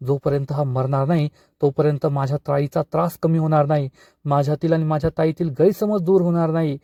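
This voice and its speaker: A man's voice: on the high side, fairly even intonation, fairly quick, no room sound, highs cut off, natural voice. A man voicing an enraged protective brother. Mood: furious. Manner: shouting, threatening.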